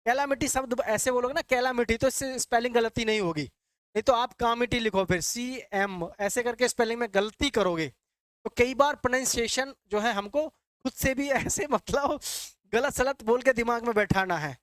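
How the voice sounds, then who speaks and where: A man's voice: extremely high pitch, moderate pace, fairly bright tone, no echo. A male English vocabulary teacher, giving a classroom lecture. He repeats each word and quizzes his students in a call-and-answer way, calling them "beta.". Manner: addresses students as "beta" and "bachche".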